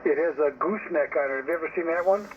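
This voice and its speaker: A man whose pitch is fairly high talks quickly in a casual, rambling ham radio chat, offering plenty of opinions. The audio is received over ham radio as a tinny narrowband signal with static noise.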